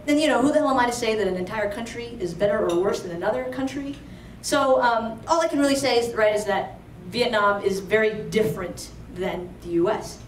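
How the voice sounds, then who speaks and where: At a live storytelling event in a spacious venue, a young Alexandria, Virginia native recounts a true story in a conversational, chatty style loaded with "like" and "you know." Her pitch is fairly high. She's picked up from a distance, off-mic, with a little hiss or hum.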